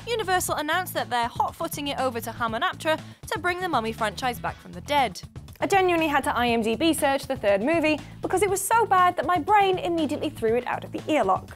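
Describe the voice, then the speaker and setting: Woman co-host with a high, bouncy voice, playful and jokey scripted preview read. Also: lively intonation, fast talker, fairly bright tone, faint music behind. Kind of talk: scripted film preview narration.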